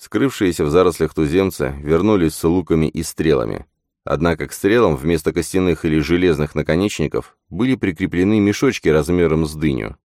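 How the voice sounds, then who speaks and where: A man reading a fantasy audiobook as narrator in steady scripted narration. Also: very deep voice, brisk, no echo, studio quality.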